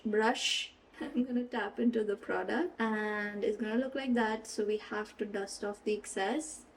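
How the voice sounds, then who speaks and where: A woman's voice: fairly high pitch, distant mic, low-quality recording. A young woman vlogging as she does her makeup, chatting casually and giggling, slipping into a playful fake British accent, with rain and traffic outside. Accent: playful fake British accent mixed into her own. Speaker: beauty vlogger. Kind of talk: casual get-ready-with-me makeup chat.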